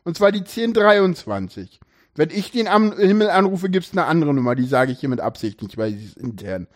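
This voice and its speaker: Man, fairly high voice, rambling podcast host, lots of fillers and restarts. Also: sing-song, normal speed. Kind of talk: casual group chat.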